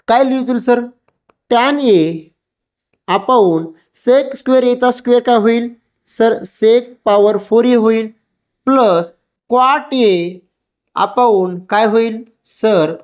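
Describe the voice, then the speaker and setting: Female maths tutor, fairly high voice, unhurried, explaining gently to a child with reassuring check questions. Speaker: maths teacher. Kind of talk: step-by-step lesson, explaining to a child.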